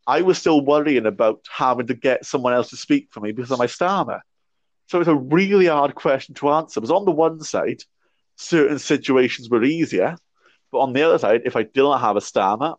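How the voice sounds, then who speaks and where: A young man in his twenties, appearing as a podcast guest, converses casually and reflectively, with a stammer and many restarts. He has a medium-pitched voice, captured in a dry, muffled, lo-fi recording.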